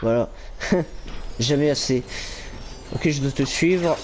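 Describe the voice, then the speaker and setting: A man's voice: mid-range voice, slow pace, noisy background. A young man giving casual let's-play commentary, rambling with lots of fillers and little laughs. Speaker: gaming YouTuber.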